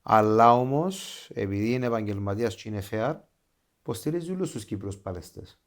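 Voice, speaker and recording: His intonation is lively and his voice leans low. The man, a Cypriot Greek-accented pro wrestler, answers interview questions in a casual, excited way, switching into English phrases now and then amid his Greek.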